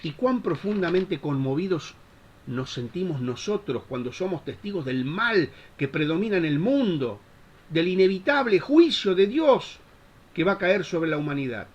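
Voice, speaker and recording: Male Bible teacher, preaching style, lively swinging pitch, dull muffled recording. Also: moderate pace, a little hiss or hum. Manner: impassioned, full of rhetorical questions. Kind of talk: Bible class lecture, preached.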